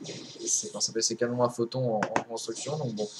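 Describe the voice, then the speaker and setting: A man's voice: mid-range voice, steady tone, quick pace, a little hiss or hum. A young man casually commenting his own strategy game match, rambling with lots of fillers and restarts. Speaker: gameplay commentator.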